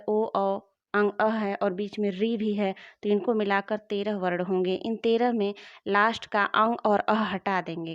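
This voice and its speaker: A woman's voice: medium pitch, dry recording. Woman teacher doing a grammar lesson, patient, repeats stuff a lot, dry close sound, kinda muffled. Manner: patient, repeats and spells out each point.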